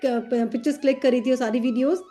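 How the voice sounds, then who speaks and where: A woman in casual group chat, telling stories with lively acted-out dialogue, mixing Hindi and English. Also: high voice, quick pace, soft background music. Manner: animated storyteller acting out dialogue. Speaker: tarot student.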